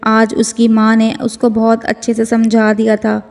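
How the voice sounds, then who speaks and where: Female novel narrator, emotional and slow; flat, high delivery with hall echo. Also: gravelly. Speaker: novel reader. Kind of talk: reading a romance novel aloud. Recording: long hall reverb.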